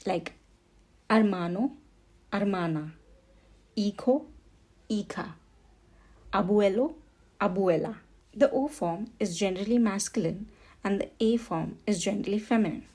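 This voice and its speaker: A woman gives a slow, patient beginner Spanish lesson. Her voice is soft and mellow, and she repeats each word. She speaks at an unhurried pace in a middle pitch. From India. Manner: patient, repeats words for learners. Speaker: Spanish teacher.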